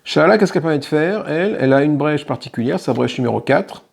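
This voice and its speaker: A man's voice: fairly high pitch, lively intonation, fast, gravelly, darkish tone. A man hosting a tabletop game channel, casually explaining a solo playthrough and thinking aloud with small self-corrections. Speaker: board game channel host.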